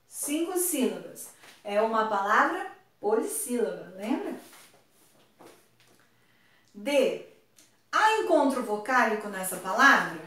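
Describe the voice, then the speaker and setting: A woman from Brazil teaching an online class, speaking slowly and patiently and drawing words out for her pupils. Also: a little high, fairly bright tone, a little hiss or hum. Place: home room on a video call. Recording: very echoey room, far from mic.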